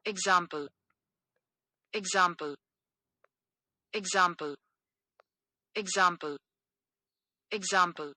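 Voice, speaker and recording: A synthetic voice pronouncing single words slowly, saying each one four times. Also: medium pitch, pushed and bright, no room sound. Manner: says each word four times, slow and careful. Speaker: pronunciation model voice. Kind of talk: slow repeated word pronunciation.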